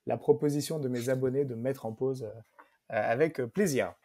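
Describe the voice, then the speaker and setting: A man co-hosting a tech podcast, talking casually and haltingly with many "euh" fillers and stutters. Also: mid-range voice, mellow, no echo, clean studio sound. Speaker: podcast co-host. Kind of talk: casual chat.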